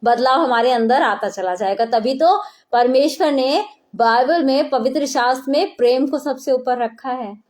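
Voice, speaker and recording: A woman's voice: high voice, moderate pace, a little mellow. A middle-aged woman preacher giving an earnest sermon, repeating key phrases for emphasis.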